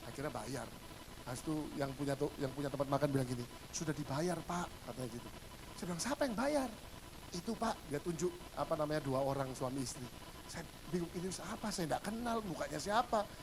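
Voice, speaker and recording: A male pastor giving a humorous sermon, telling stories and acting out the dialogue, swinging between loud bursts and hushed asides. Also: a little high, fast, noisy background.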